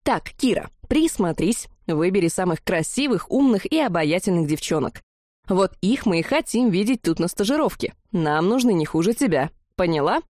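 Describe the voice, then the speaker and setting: A cocky, restless young man with big ears, pushing his jokes loudly, as a woman narrator takes him on in a storybook. His voice is bright, tuned above her usual register, with a dark, mellow timbre. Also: on the low side, animated, normal speed, no room sound, clean studio sound. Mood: bossy. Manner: brash and teasing.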